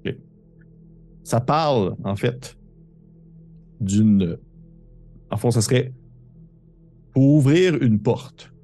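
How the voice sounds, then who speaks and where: Mellow-voiced Québécois man running a game. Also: medium pitch, animated, faint music behind. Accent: Québécois French. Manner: rambling, halting explanations full of fillers. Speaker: game master. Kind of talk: narrating a tabletop game.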